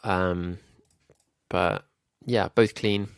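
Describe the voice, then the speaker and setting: Deep, gravelly, nasal man. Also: extremely slow, no room sound, clean studio sound. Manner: relaxed, thinking aloud with frequent ums. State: slightly ill. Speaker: YouTube growth coach. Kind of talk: screen-recorded design tutorial.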